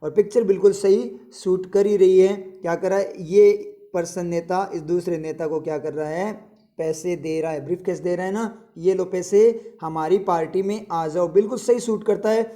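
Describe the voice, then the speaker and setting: A man teaching English vocabulary in a casual spoken lesson, chatty, quizzing his viewers and repeating words slowly to explain them. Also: high voice, steady tone, dark tone.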